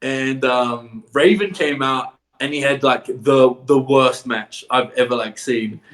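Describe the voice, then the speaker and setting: A man's voice: mid-range voice, takes it slowly, fairly bright tone. Swearing New man telling stories. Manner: swears a lot, laughs often, filler-heavy "like". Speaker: professional wrestler, podcast guest. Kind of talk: casual storytelling.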